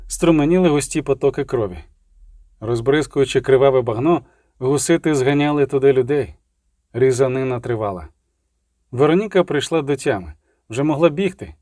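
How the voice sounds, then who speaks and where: A man reading an audiobook in a steady, measured dramatic manner. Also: a little high, dry recording, studio quality. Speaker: audiobook narrator. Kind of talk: scripted audiobook narration.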